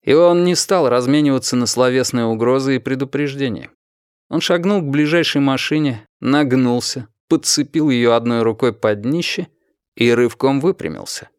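A man's voice: medium pitch, moderate pace, clean tone, no echo. Man with a dry audiobook narration.

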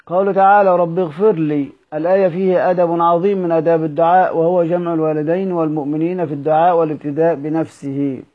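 A man reading a classical text aloud as a teacher, in measured tones, stressing each verse heading and adding brief asides. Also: fairly high pitch. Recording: narrow phone-like audio.

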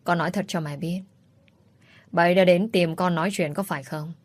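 A loving, protective mother in an audiobook romance, voiced by a woman narrator, soft-spoken and pleading with her child. Her voice is a touch low. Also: steady tone, brisk, close to an everyday voice. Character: protective middle-aged mother, tender and grieving.

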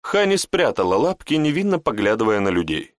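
A man narrating a fantasy audiobook in an even storytelling manner. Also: medium pitch, fairly quick, no echo, studio quality. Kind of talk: scripted narration.

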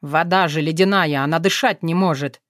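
Frightened young man, pleading shouts, voiced by a woman, dry audiobook read. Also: low voice, normal speed, no room sound, lightly acted. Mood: desperate.

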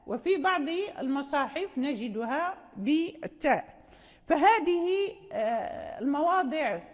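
A woman teaching Quran recitation rules in a classroom lecture, explaining patiently with frequent fillers. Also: high voice. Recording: dull lo-fi recording in a reverberant hall.

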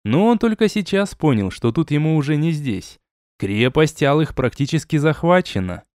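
A man narrating a fantasy audiobook in the first person, with a wry, conversational delivery that jumps up in pitch at points. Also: sing-song, normal speed, darkish tone, no echo, studio quality.

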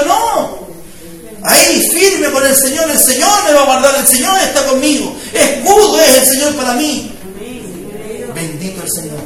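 High-voiced pastor in echoey church. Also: male voice. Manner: conversational preaching with rising fervor, frequent "¿me entiende?". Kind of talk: sermon. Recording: echoey room, voice from far off mic.

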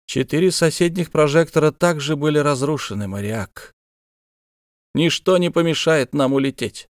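Brief: male narrator as a tired, idealistic guard for an audiobook, earnest and measured. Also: on the high side, no echo, clean studio sound, natural voice. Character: weary rebel guard man, idealistic.

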